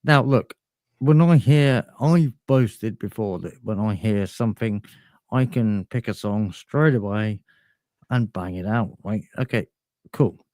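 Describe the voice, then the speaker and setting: Boastful rambling man, mellow voice. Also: on the low side, measured pace, dry recording. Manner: rambling, boastful, filler-heavy. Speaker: podcast host. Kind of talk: ironic comedic podcast banter.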